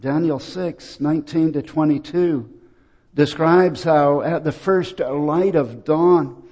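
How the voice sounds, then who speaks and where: A man delivers a sermon with a slow, deliberate pace, stopping between phrases for effect. His voice is mellow and a little higher than most men's. He sounds like a pastor addressing his congregation. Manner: slow, measured preaching with dramatic pauses.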